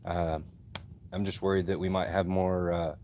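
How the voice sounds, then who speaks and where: Low-voiced monotone man chatting outdoors. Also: normal speed, background noise. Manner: easygoing, answers chat comments with many fillers. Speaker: livestream host. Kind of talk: casual live-stream chat. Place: outdoors by a backyard fire. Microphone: phone, streaming from mobile.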